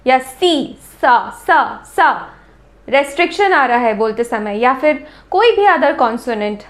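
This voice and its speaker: A woman with an Indian accent teaching English grammar, explaining slowly and repeating sounds and words to demonstrate them. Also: high voice, expressive. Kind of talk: classroom-style lesson explanation.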